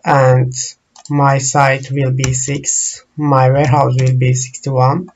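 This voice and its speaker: A man whose first language is Turkish, walking through software screens in a slow, halting tutorial full of pauses and fillers. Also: mid-range voice, monotone, highs cut off, a little hiss or hum. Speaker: software trainer.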